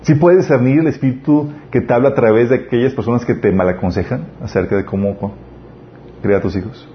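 A man's voice: medium pitch, fast talker. A man preaching a sermon, earnest and full of rhetorical questions. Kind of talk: sermon on parenting. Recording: slightly dull lo-fi recording with faint noise.

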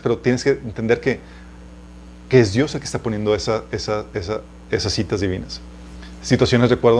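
A Mexican-accented man at a medium pitch, speaking informally from the pulpit and telling stories from his own life. He keeps checking in with the listeners and chuckles along the way, while a faint noise sits under his voice. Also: darkish tone. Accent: Mexican Spanish. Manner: chatty, addresses listeners as "chicos", asks them questions. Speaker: preacher teaching a church series. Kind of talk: conversational teaching sermon with personal stories.

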